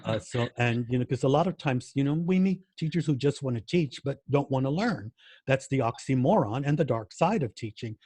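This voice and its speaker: A man's voice: mid-range voice, animated, brisk, dark tone, husky, no echo. An American man answering interview questions in a casual way, with many fillers and restarts and words repeated for emphasis. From United States. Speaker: guest language educator.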